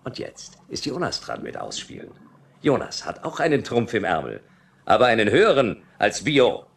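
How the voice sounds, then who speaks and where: A sardonic hard-boiled detective. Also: male voice, fairly low pitch, wildly swooping pitch, moderate pace, vocal fry, husky, full character voice. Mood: cutting. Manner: dry, sardonic, clipped. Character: hard-boiled private detective Jonas, world-weary. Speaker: narrator.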